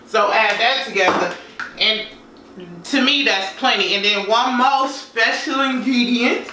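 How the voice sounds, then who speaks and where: A chatty woman cooks in a roomy home kitchen, her voice on the high side and a little slow. As a home cooking vlogger, she keeps things relaxed and folksy, while a far camera mic picks up clattering dishes and background noise.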